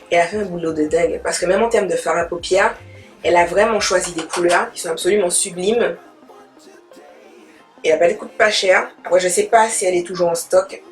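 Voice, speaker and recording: Chatty woman doing a makeup tutorial. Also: lowish voice. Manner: chatty, mixes in English words, repeats fillers. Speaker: beauty vlogger. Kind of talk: casual makeup tutorial chat.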